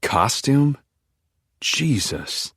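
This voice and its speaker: A man's voice: medium pitch, very animated, very slow, pushed and bright, slightly rough, dry recording, clean studio sound, pitched above the performer's own voice, heavily acted. A man voicing an angry, defiant young woman in an audiobook, exasperated and snapping at her father.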